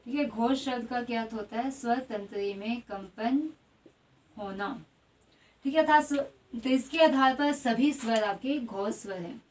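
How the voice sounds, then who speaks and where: Hindi-coaching woman saying "ठीक है" a lot. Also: on the high side. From India. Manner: repeats "ठीक है" constantly, spells out vowels slowly. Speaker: Hindi grammar teacher. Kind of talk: exam coaching lesson. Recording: voice at a distance from the mic.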